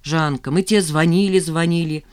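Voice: mid-range voice, moderate pace, clear, resonant tone, lightly acted. A reader doing a nosy gossiping male friend. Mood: gossipy. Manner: gossipy, animated. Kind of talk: audiobook character voice.

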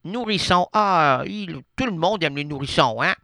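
A man's voice: on the high side, expressive, measured pace, bright, forceful tone, no room sound, studio quality. A man with a Québécois accent hosting a radio show, rambling through absurd monologue and playful wordplay with lots of hesitations. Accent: Québécois French. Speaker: radio host. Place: radio studio.

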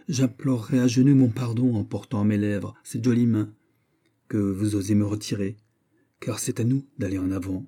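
A man's voice: on the low side, steady tone, normal speed, mellow, natural voice. A man voicing a gallant young Spanish naval ensign, playful and mock-gallant.

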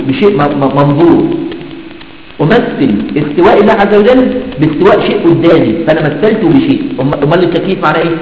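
A man with an Egyptian Arabic accent teaches an Islamic creed lesson, asking himself questions and answering them quickly. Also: on the high side, slight background noise. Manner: rapid, asks and answers his own questions. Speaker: religious teacher. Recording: dull echoey hall recording.

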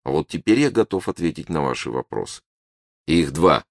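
A man reading the part of a polite, condescending male alien official who lectures smoothly. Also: a bass voice, very animated, moderate pace, no room sound, studio quality, full character voice. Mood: lecturing.

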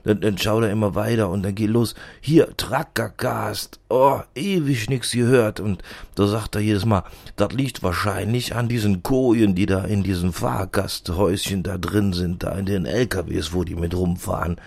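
A man plays a chatty lab assistant who grumbles on and on in a broad Rhineland accent, losing track of names as he goes. His low voice is gravelly and husky throughout. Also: moderate pace, a little mellow. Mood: grumbling. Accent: Rhineland German. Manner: rambling, fumbling for names, complaining. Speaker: podcast character. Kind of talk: comic character monologue.

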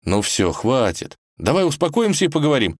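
A man's voice: mid-range voice, big pitch swings, brisk, dry recording, studio quality, voice pushed up. A man doing a stubborn young tsarevich. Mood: defensive. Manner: argumentative, defensive.

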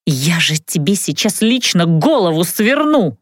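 A woman's voice: fairly low pitch, very animated, unhurried, dry recording, studio quality, pitched below the performer's own voice. A woman voicing a stern, fiery middle-aged mother in an audiobook, speaking sharply and scoldingly. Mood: stern, angry. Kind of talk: audiobook character voice.

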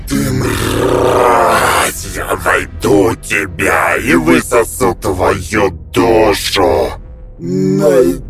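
A demon that has taken over a child speaks in a thick, layered voice that sounds more than one being at once. It is extremely deep and slow, spitting threats and curses, with music audible behind it. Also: male voice, sing-song, gravelly, exaggerated voice. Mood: raging threats. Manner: snarling, threatening, shouting. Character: raging demon possessing a boy. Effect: demonic layered voice, deep and distorted. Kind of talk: audiobook character voice.

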